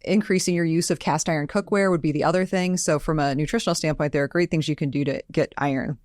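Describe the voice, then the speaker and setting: An American woman co-hosts a health Q&A podcast as a nutritional therapy practitioner, chatty and explanatory in a conversational style. Her low voice is steady, fast and a little mellow, in a dry, clean studio recording.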